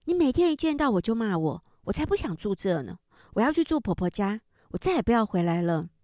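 A sulky, defiant teenage boy, as a woman storyteller puts him on, answering back coldly and pushing his mother's buttons. The lines come quick and raised, with a mellow tone, close and dry. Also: mid-range voice, sing-song, dry recording, lightly acted. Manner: cold, provoking, defensive.

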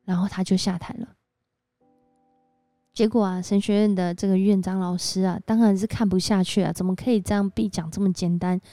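A woman giving a devotional sermon, telling a story in a lively way with frequent exclamations. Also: medium pitch, no echo. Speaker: church speaker. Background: faint background music.

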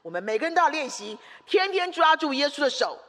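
A woman preacher with a high, bright voice delivers an emphatic sermon. She builds her points through long runs of repeated rhetorical phrases. Her voice carries a long, echoing church-hall reverb. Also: very animated, quick pace.

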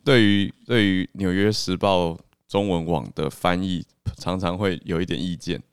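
A man's voice: sits low, moderate pace, clean tone, no room sound, studio quality. A man with a Taiwanese Mandarin accent co-hosting a morning news podcast, chatting casually and playfully, often laughing as he corrects English stress. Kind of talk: casual chat.

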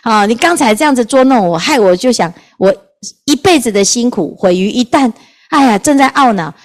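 A nun putting on a chattering old granny. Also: female voice, on the high side, expressive, a little fast, close to an everyday voice. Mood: relieved scolding. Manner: chatty, exclaiming, teasing reproach. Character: illiterate old village woman, relieved and scolding.

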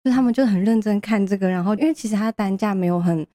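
A woman's voice: medium pitch, racing, warm tone, no echo. Girlish taiwanese woman w a bit of japanese flavor in her mandarin, gushy giggly chat, close dry sound. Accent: Taiwanese Mandarin with a Japanese tinge. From Keelung, Taiwan. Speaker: podcast guest, shop staffer. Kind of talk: casual chat.

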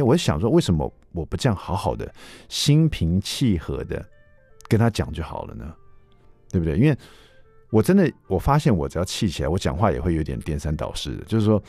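A man in his thirties hosting a radio talk show, telling a story casually in an animated way, with a loud, ringing voice. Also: low-pitched, dry recording. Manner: animated, acts out the quotes he tells, with a loud, ringing voice. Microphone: studio mic.

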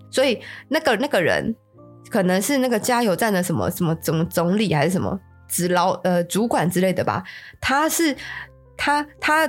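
Lively Taiwanese Mandarin storyteller woman. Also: mid-range voice. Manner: stammering restarts, acts out quotes. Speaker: podcast host. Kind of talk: casual storytelling.

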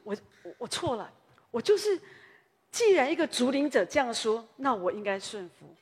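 A woman pastor preaches in a fairly high, husky voice. She tells stories in a chatty way, dropping little tag particles as she goes. Her voice rings out with a long reverb, as in a church hall. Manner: conversational storytelling, frequent tag particles. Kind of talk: sermon.

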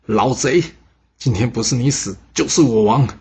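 A man's voice: mid-range voice, brisk, husky. A man doing a raging arrogant army commander. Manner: raging, threatening. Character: hot-headed arrogant male army commander.

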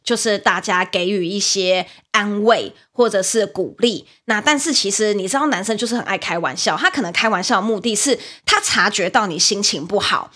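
A woman's voice: mid-range voice, a little fast, few pauses. Chatty young Taiwanese woman storytelling. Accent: Taiwanese Mandarin. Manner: chatty, animated, many fillers and repeats. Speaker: podcast host, livestreamer. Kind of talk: casual storytelling monologue.

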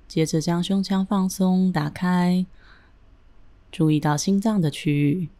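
Female meditation guide: unhurried, low register, calm and gentle, pausing deliberately between instructions. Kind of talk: guided breathing and body-relaxation meditation narration.

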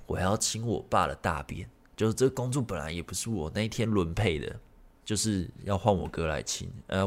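A man hosting a podcast, telling a personal story in a rambling, frank way and swearing freely. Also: sits low. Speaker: podcast host.

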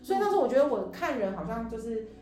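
A woman co-hosting a podcast with a Taiwanese Mandarin accent, telling a personal story in a rambling, animated way with quoted dialogue. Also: a little high, rapid-fire. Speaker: podcast co-host. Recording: echoey room with faint music.

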